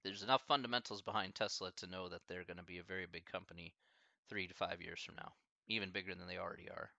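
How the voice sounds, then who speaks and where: A math professor with a Midwestern American accent talks through student questions in an easygoing, chatty way. His voice is bright and forward. The audio is dry and dull, like a lo-fi stream. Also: low-pitched, fairly even intonation, fast talker, vocal fry, dry recording. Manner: chatty, easygoing, thinks aloud. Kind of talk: casual live Q&A with students.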